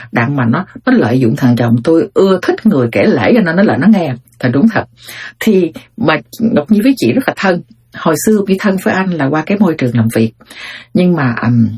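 A woman, chatting casually to her viewers as she tells life stories, often turning to address them directly. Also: husky. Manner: chatty, addresses listeners directly, animated swings in pitch. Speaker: storyteller host.

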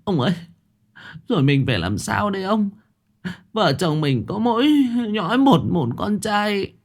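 Tearful older mother, voiced by a male narrator, raised high and pleading, anxious for her son. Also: big pitch swings, a little slow, full character voice. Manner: sobbing, pleading.

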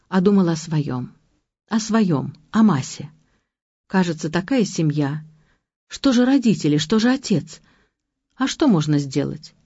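A woman's voice: lowish voice, warm tone, no room sound. Woman narrating an anxious first-person story. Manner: emotional, anxious, intense. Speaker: audiobook narrator. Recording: dull lo-fi audiobook recording.

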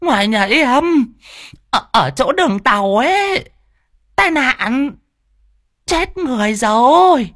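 A man's voice: extremely high pitch, lively intonation, slow pace, long pauses, a bit bright, no echo, studio quality, pitched above the performer's own voice, full character voice. A man voicing a panicked village woman who stammers and gasps as she calls for help. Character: panicked shrill village woman, breathless and loud.

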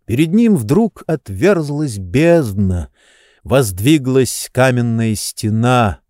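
A male reader narrates a classic novel at a slow, unhurried pace. His voice is dark and mellow, recorded close and dry with no room sound. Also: medium pitch, expressive, dry recording. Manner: measured, unhurried storytelling. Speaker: audiobook reader.

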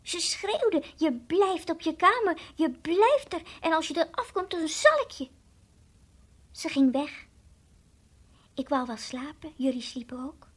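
A woman's voice: lively intonation, measured pace. A woman voicing a timid, childlike toy dog in an old radio play, earnest and confiding, sometimes whispering. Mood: hushed. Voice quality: high childlike voice, drops to whispers. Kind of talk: 1960s radio drama acting.

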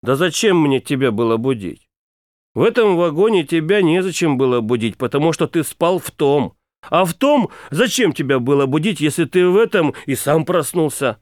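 A man's voice: fairly high pitch, expressive, moderate pace, dry recording, studio quality, close to an everyday voice. A man voicing a plain, dull male valet who answers matter-of-factly, in a storybook reading.

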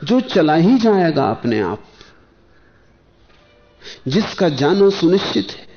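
A man, a spiritual teacher, giving a discourse in measured short phrases with pauses and rhetorical questions. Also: fairly high pitch, big pitch swings, faint music behind. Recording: dull lo-fi archival lecture tape.

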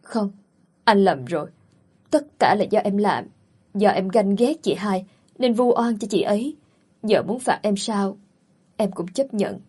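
A woman voicing a proud, heartbroken eighteen-year-old girl in a storybook reading, speaking in a quiet, pleading way with a husky voice. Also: medium pitch, unhurried, pauses often.

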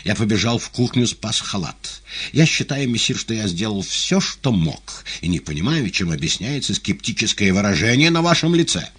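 A man voicing a boastful, excitable tomcat demon in an audiobook, talking theatrically and pleadingly. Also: lowish voice, normal speed, slightly rough, pitched above the performer's own voice, full character voice. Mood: excited, theatrical. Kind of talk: audiobook character reading.

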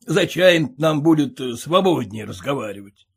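A man's voice: on the high side, big pitch swings, full character voice. A man playing a bossy, boastful merchant. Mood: domineering. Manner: gruff, domineering, deliberate. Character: bossy boastful middle-aged male merchant.

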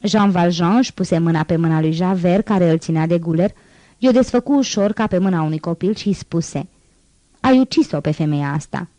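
A woman narrating a classic novel as an audiobook, in a measured, dramatic reading. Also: lowish voice, mellow, dry recording. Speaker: audiobook reader.

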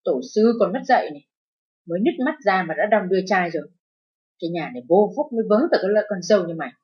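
A woman's voice: medium pitch, lively intonation, fairly quick, natural voice. A woman voicing an abusive, furious middle-aged mother-in-law who shrieks and wails, in a narrated audio story. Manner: screeching, abusive, wailing. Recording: dull lo-fi with faint music.

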